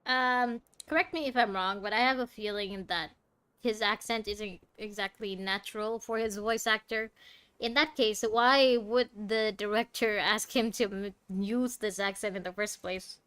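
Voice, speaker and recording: Streaming a video game, this woman muses casually and reacts to what she plays. Her medium-pitched voice is smooth and a bit bright, and she speaks at a measured pace. Game music plays in the background.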